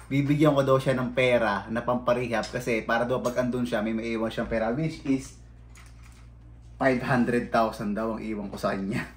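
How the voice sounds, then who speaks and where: A man in a casual vlog, ranting bluntly and swearing freely, swinging between mumbled low asides and loud outbursts. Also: reverberant. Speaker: vlogger.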